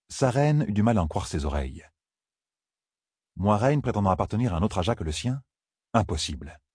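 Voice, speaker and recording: A man reading a fantasy novel aloud, in an expressive storytelling manner. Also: fairly low pitch, slightly rough, no echo, clean studio sound. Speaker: audiobook narrator. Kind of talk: scripted narration.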